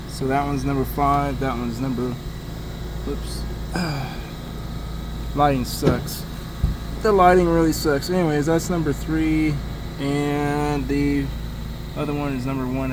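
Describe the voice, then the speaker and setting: Young male hobby mechanic, unhurried rambling commentary full of ums, outdoors by a truck, noisy camera audio. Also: medium pitch. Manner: rambling, full of fillers and restarts. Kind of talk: casual work-along commentary. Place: outdoors in a driveway beside a truck.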